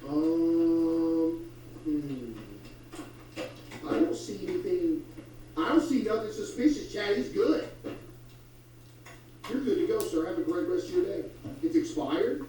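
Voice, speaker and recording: A man's voice: high voice, animated, slow pace, long pauses, dark tone, slight background noise. A man streaming a border checkpoint game, playing a teasing, mock-official guard and chatting with his viewers between laughs. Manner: playful, teasing, laughs often, talks to chat. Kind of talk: casual gameplay commentary with mock-official role-play. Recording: very echoey room, mic far off.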